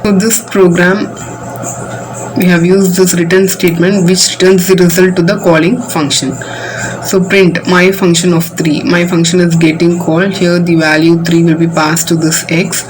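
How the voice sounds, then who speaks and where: A woman's voice: lowish voice, little pitch movement, moderate pace, noisy background. A woman teaching a computer science class. She walks patiently through code line by line, starting most sentences with "so". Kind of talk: classroom coding demo lesson.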